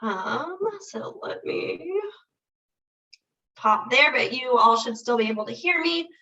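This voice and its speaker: A woman from Illinois, presenting as a conservation director on a webinar, speaks in a casual, friendly way with quick asides; she's getting over a cold, so her voice sounds nasal. Her voice is fairly high, bright, animated and forceful, though reverberant. She's at home on rural internet using a computer mic, and the video-call audio sounds dull and distant.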